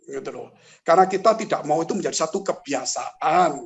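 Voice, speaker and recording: A man's voice: on the high side, brisk. A man, a pastor, teaching in a church talk show, speaking to his listeners directly with rhetorical questions and acting out the stories he tells. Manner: animated, rhetorical questions, addresses listeners as brothers and sisters; storytelling with vivid acted-out exclamations.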